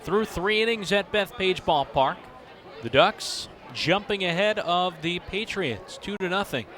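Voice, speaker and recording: A man's voice: high voice, animated, measured pace. A man with an American accent calling baseball on the radio as a play-by-play announcer. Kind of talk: live baseball play-by-play and sponsor reads. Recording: live ballpark broadcast, loud crowd noise. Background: crowd and outdoor ballpark ambience.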